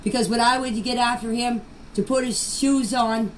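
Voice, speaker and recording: A grandmother with a high-pitched voice shares personal memories informally, speaking in a plain, folksy way and circling back to repeat phrases. Her intonation is fairly even and her speed normal. The amateur clip has poor audio with some background noise.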